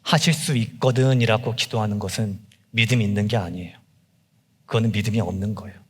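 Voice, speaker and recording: A young adult man preaching a sermon as a junior pastor, emphatic and impassioned, rising to cries then dropping low. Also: a little fast, breathy edge, big-room sound. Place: church sanctuary.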